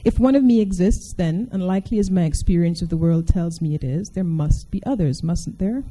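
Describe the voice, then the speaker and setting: Woman speaker giving a talk, wry and chatty, dark mellow voice. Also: on the low side, brisk, breathy edge, poor audio. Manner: wry and conversational, asks the audience questions. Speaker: speaker addressing an audience. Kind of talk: public talk with a reading from a novel.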